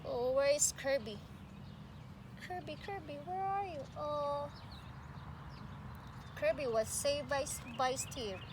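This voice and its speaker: A pre-K teacher with a high voice reads a picture book aloud expressively to young children, adding asides. She pauses to ask her little listeners questions, and the amateur recording is noisy.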